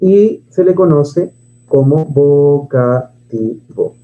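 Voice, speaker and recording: A man's voice: a little high, lively intonation, very slow, faint music behind. Dull-sounding man teaching grammar. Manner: asks and answers his own questions, reads poems aloud. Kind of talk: grammar lesson.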